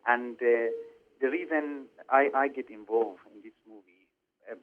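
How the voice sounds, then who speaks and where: Iranian-born guy, director, lots of um and uh and restarts, middle pitch, tinny phone sound. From Iran. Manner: halting, many fillers and restarts. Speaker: film director. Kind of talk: interview over the phone.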